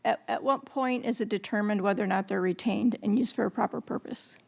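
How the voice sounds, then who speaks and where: Woman judge with a bit of vocal fry, asking pointed questions. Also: mid-range voice, brisk, darkish tone. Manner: pointed questions with small restarts. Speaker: appellate judge. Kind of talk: questioning counsel.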